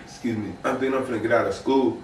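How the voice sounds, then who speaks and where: A young man in his twenties co-hosts a podcast, telling long, slangy stories in casual chat and acting out quotes as he rambles. His mid-range voice sounds far from the mic, with roomy, off-mic sound and faint noise.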